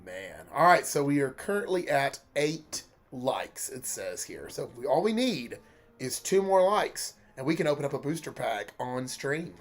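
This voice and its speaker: A congested young man streaming a video game, chatting casually, laughing often and filling pauses with "uh". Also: mid-range voice, sing-song. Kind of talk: casual let's-play stream chat.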